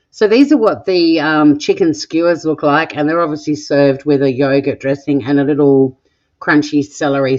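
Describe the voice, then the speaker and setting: Her voice sits low and a little mellow. She's a middle-aged Australian cooking vlogger streaming live from home, casually reading comments and joking around with the occasional curse, recorded in dull lo-fi sound.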